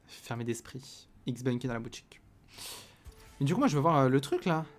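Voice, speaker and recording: A man streaming himself playing a video game, excitable and swinging from loud exclamations to muttering. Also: mid-range voice, normal speed, faint music behind. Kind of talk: live gameplay commentary.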